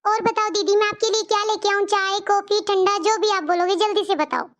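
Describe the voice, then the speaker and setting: A woman voicing a polite, dutiful young married daughter-in-law in a cartoon story, with a high, squeaky voice. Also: fairly even intonation, brisk, a bit bright. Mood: friendly. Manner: polite, pleading.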